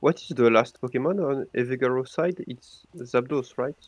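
A medium-pitched man appears as a podcast guest, stammering as he questions and breaks down a game's moves in casual gaming commentary. The recording has no room sound.

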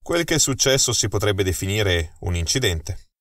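A man voicing a calm, amused detective in an audiobook mystery, unruffled and dryly chuckling. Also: fairly low pitch, normal speed, dry recording. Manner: unflappable, dry chuckle. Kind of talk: audiobook dialogue.

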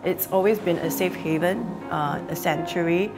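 A woman's voice: on the low side, normal speed, music in the background. A woman musician talking frankly and emphatically in a documentary interview, with casual swearing. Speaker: professional musician.

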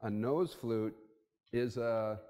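Speaking slowly in a mellow, medium-pitched voice, this keynote speaker in his sixties stands at a podium in a hotel conference room with an audience. His talk is conversational and full of fillers as he thinks aloud, picked up by a podium mic with the long reverb of a conference hall.

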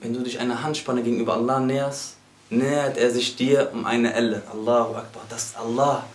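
A man's voice: medium pitch, fairly even intonation, fairly quick. Fervent male preacher in a roomy hall. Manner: fervent, emphatic, with repeated exclamations and restarts. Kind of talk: sermon to a gathering. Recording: roomy echo.

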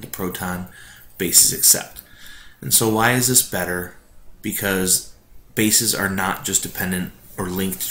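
Speaking low with a pushed, bright edge, a high school chemistry teacher talks through a recorded review lecture in a casual, explanatory way. Without a proper microphone, just a built-in or distant one, his voice echoes around a cave-like room at home over a faint hiss.

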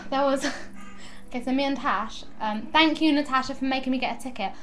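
A young woman talks straight to her camera in a casual vlog, her voice pitched high and bubbling with giggly, rambling excitement. Faint music hums underneath. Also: normal speed. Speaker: vlogger.

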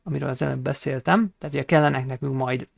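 A man teaching a coding tutorial over a screen recording, explaining each step and pausing often on hesitation sounds. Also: mid-range voice, fairly even intonation, creaky, no room sound. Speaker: programming instructor.

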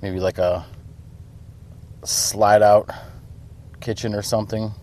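A man's voice: lowish voice, flat delivery, takes it slowly, darkish tone, slight background noise. A young man from Wisconsin giving a rambling, laid-back walkaround of his pickup truck, filmed outdoors on a phone, full of fillers. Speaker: vlogger showing his truck. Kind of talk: casual walkaround vlog.

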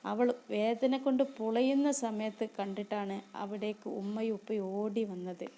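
A woman's voice: mid-range voice, steady tone, moderate pace, warm tone. A woman narrating a family drama story in a dramatic, repetitive way.

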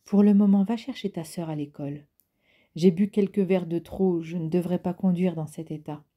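A woman's voice: on the low side, fairly even intonation, normal speed, dull audio, lightly acted. Woman doing a weary, slurring drunk mother. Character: tired, drunk mother with a headache. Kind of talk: audiobook character reading.

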